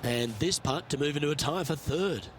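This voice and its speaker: A man giving measured, understated golf commentary as the play-by-play announcer. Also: a little high. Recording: crowd and outdoor noise behind voice. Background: crowd and outdoor ambience.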